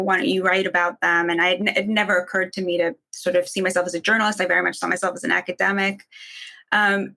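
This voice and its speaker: A woman in her thirties from Boston, raised in Israel, giving fast, emphatic opinions as a podcast guest with many "I mean"s. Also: mid-range voice, sharp tone. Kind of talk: opinionated interview talk.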